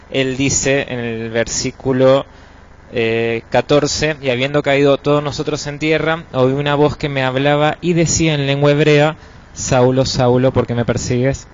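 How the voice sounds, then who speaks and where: A man in a Bible class reading a passage aloud, steady with small hesitations. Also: medium pitch, lo-fi sound. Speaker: class participant reading scripture.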